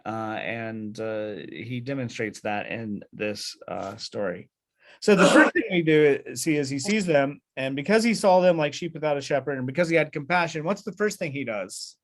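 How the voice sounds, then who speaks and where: A man teaching a Bible study group over a video call, at a mid-range pitch. He explains patiently, full of "uh"s and restarts, and stops often to put questions to his listeners. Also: normal speed.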